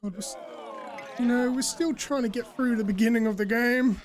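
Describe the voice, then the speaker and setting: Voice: medium pitch, a little fast. Streamer, casual gameplay chatter, rambling, laughs a lot.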